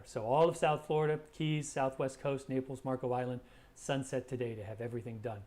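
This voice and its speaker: A man's voice: mid-range voice, a little mellow. A man presenting a live weather briefing as a forecaster, talking conversationally and hesitantly, often repeating words as he explains.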